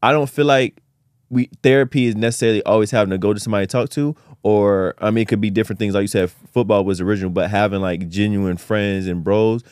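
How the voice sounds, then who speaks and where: A man hosting a podcast, chatting casually and encouragingly with his guest, with lots of quick affirmations. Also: lowish voice, fairly even intonation, darkish tone, smooth, no echo, studio quality. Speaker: podcast host. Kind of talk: casual interview conversation.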